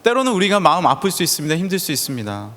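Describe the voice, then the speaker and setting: Man, pastor, sermon, animated storytelling, wide pitch swings, long church-hall reverb. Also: rapid-fire. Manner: animated storytelling, voices quoted people. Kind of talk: lively sermon with acted-out quotes. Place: church sanctuary.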